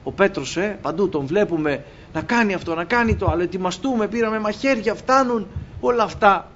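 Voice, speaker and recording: A man's voice: high-pitched, expressive, a bit bright, a little hiss or hum. Impassioned male preacher, lo-fi recording. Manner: impassioned, acts out dialogues with God, addresses brothers. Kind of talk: sermon. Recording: dull lo-fi recording with faint ambience.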